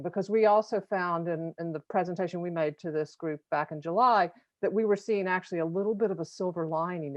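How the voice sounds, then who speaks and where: A woman with a lowish voice asks a detailed question over a video call. The sound is dry and a little dull. She speaks in a measured, thoughtful way. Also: no room sound. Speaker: seminar participant asking a question. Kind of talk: audience question and comment.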